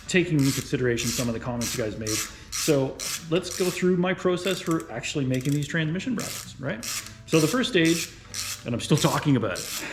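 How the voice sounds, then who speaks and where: A man casually narrating his car fabrication work as he goes, thinking out loud and often checking in with "right?". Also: fairly high pitch. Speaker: car restoration vlogger. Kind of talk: casual how-to narration while working.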